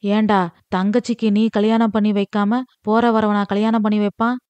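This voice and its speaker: A woman's voice: medium pitch, flat delivery, normal speed, a little mellow, clear, resonant tone, no room sound, close to an everyday voice. A woman voicing an older widowed mother who scolds her son in a wounded, reproachful way. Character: older widowed mother demanding lavish gifts.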